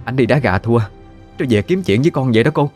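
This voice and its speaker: A man voicing a timid, frightened young wife, shrill and stammering. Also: animated, quick pace, a little mellow, faint music behind, natural voice.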